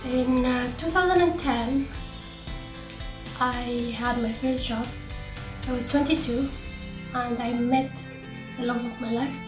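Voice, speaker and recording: Woman in her 30s from yemen telling her story, bit halting, higher voice, music behind. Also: fairly even intonation, echoey room. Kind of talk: personal testimony.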